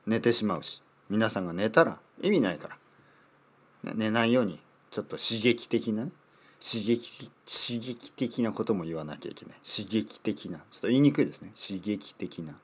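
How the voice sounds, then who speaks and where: Male podcast host, 30s, low-ish voice with lots of pitch movement; joking, meandering, repeats himself while searching for words. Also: lively intonation, fairly quick, breathy edge. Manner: playful and rambling, repeats words while thinking aloud. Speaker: podcast host teaching Japanese. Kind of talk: casual solo podcast talk.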